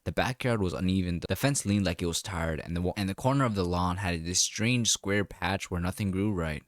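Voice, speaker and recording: A man narrating a first-person story in a calm, wry, deliberate way. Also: deep voice, no room sound, studio quality.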